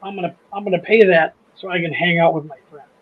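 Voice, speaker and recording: A man's voice: high voice, fast, muffled recording, a little hiss or hum. A man with a Midwestern accent hosting a casual livestream chat, rambling, restarting sentences and laughing easily. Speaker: host of a model railroad channel.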